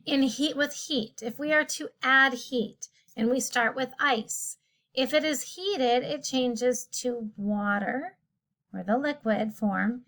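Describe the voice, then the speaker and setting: Woman teacher, science lesson, casual explanatory tone, fairly high voice. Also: takes it slowly, fairly bright tone. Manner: casual, explanatory, self-correcting.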